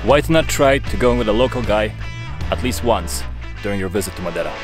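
A man in his thirties narrates a hike to a camera he holds at arm's length, upbeat and plain. His voice sits low for a man. Clear guitar music plays behind him on the open trail. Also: expressive, brisk. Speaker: travel vlogger and host. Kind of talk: travel vlog narration and interview. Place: outdoors on a mountain trail. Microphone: handheld camera at arm's length.

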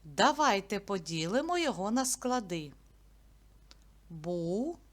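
A woman teacher with a slightly high voice talks very slowly. She asks easy questions and answers them herself, stretching each word so it is clear. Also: animated, a bit bright. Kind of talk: slow, clear classroom lesson narration.

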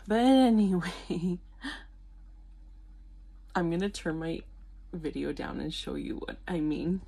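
Low gravelly-voiced woman vlogger. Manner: talks quietly, rambling with frequent laughter. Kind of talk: casual late-night vlog.

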